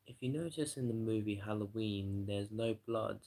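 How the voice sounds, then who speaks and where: A man's voice: fairly low pitch, moderate pace, warm tone, rough recording. A tired man rambling and swearing through a late-night live stream chat, yawning as he talks. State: exhausted. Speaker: livestreamer.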